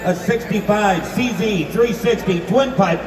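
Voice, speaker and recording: A man's voice: high-pitched, measured pace. A man making formulaic live announcements of auction lots. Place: large auction hall over PA system. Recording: echoey hall from far off, crowd noise.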